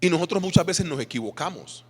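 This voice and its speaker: Animated preaching man in echoing church. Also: on the high side, fast talker, breathy edge. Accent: Colombian Spanish. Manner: animated preaching with rhetorical questions to the congregation. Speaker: pastor. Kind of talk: sermon. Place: church hall. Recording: reverberant church hall.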